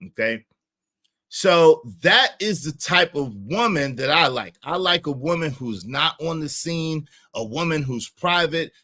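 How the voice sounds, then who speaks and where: An American man with a bright, forceful, mid-range voice hosts a casual livestream, speaking emphatically to viewers. He repeats phrases and keeps checking in with short tags like "right?" and "okay?"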